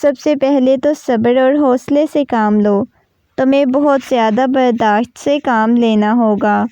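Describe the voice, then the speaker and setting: A woman voicing a gentle, worried mother-in-law who speaks softly and reassuringly in a storybook reading. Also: on the high side, clean tone, dry recording, lo-fi sound, close to an everyday voice. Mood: soothing. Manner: soft, reassuring.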